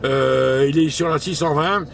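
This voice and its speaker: A man with a fairly high, slightly slow voice and some vocal fry chats casually over the radio, his informal, hesitant talk sprinkled with slang. He's outdoors at a mobile radio spot beside a vehicle, caught by a handheld camera with faint outdoor and vehicle noise behind him.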